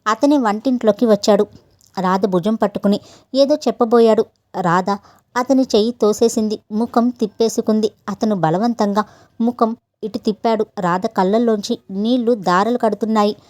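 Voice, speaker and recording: A woman storyteller giving a steady, expressive scripted narration of a story. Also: mid-range voice, moderate pace, no room sound.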